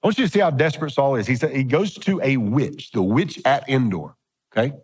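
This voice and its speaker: A man's voice: mid-range voice, lively intonation, brisk, husky. A male pastor preaching a sermon, reading scripture aloud in old-fashioned wording, then explaining it in everyday speech and asking his congregation questions. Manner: conversational, checks in with "okay?" often; talks directly with the congregation.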